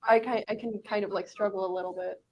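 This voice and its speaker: A woman chatting casually as a prop maker on a panel, halting and given to giggles, recorded in a noisy room. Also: medium pitch, fairly even intonation, darkish tone. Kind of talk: casual chat.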